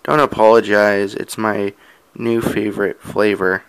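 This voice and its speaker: A man voicing a gentle, lonely young woman ghost as he reads comic book lines aloud. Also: lowish voice, flat delivery, unhurried, clean tone, rough recording. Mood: sweet. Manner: reading comic dialogue aloud.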